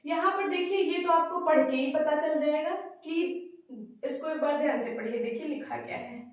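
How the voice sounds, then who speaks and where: A woman teacher giving a spelling lesson for exam students, explaining step by step and repeating each word slowly. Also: high-pitched. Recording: very echoey room, voice far from mic.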